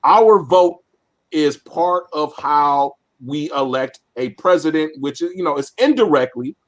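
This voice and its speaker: A man's voice: on the high side, expressive, measured pace. A man co-hosting a casual political discussion, explaining definitions and voting step by step with many fillers. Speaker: podcast co-host.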